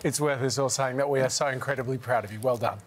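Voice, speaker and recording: A man's voice: mid-range voice, fairly even intonation, quick pace, very noisy. A man hosting a TV talk show, introducing a story and chatting with a remote guest in an upbeat, jokey way. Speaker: TV show host. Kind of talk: broadcast TV talk.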